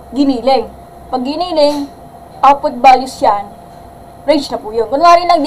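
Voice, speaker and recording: A woman math teacher giving a live-streamed algebra lesson in a loud voice that sounds angry, mixing English terms in and checking with "gets?". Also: high-pitched, slight background noise, poor audio. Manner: mixes English terms into Filipino, asks "gets?".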